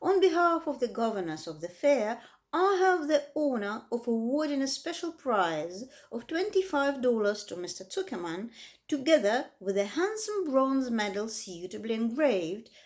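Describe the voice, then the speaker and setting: A woman reading the lines of a male fair announcer on a loudspeaker, formal and grand. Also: fairly high pitch, very animated, normal speed.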